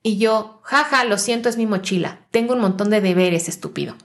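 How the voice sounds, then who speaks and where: A woman's voice: medium pitch, brisk, close to an everyday voice. Woman voicing a young foster girl, guarded, blunt, curt answers, slightly raised voice. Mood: defiant.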